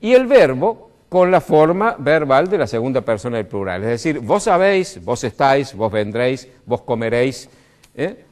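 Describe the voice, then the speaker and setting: A man's voice: mid-range voice, normal speed. Didactic Argentine man from Córdoba. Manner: didactic, lively stresses, many "este" fillers. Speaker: speaker on language. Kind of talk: explanatory talk.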